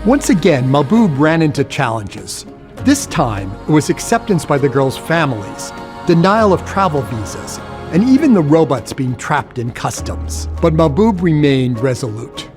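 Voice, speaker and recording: A man with a fairly high voice delivers a formal gala script and narrates a tribute film. He reads in a measured, even manner, with soft music beneath him. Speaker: host and narrator.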